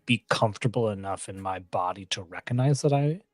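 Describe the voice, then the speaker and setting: A man's voice: on the low side, no echo. A man from California, chatting casually and reflectively with many fillers. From West Coast, California. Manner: reflective, filler-heavy, drawn-out phrasing. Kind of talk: casual chat.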